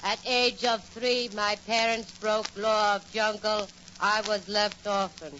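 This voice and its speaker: Fake jungle goddess, city-girl sass, forceful piercing tone, mock-exotic delivery, noisy vintage radio recording. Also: mid-range voice, steady tone, unhurried, dull audio. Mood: mock solemn. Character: phony jungle goddess, a sassy big-city woman. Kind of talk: 1940s radio comedy acting.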